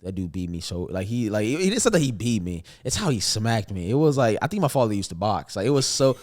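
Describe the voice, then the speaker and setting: A young man, a comedian guest on a podcast, telling joking stories in a loose, animated way that often trails off and restarts. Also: fairly low pitch, fast talker. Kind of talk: casual storytelling interview.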